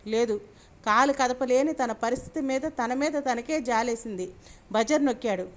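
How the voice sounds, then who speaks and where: A woman reads a serialized novel aloud, chapter by chapter. Her voice is high and her delivery steady and measured, like a storyteller at ease with her own text.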